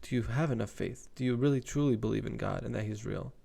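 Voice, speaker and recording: A man's voice: lowish voice, fast, creaky, warm tone. A young man reading Bible verses aloud and breaking off to comment casually on them. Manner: reads scripture aloud, stops to comment casually.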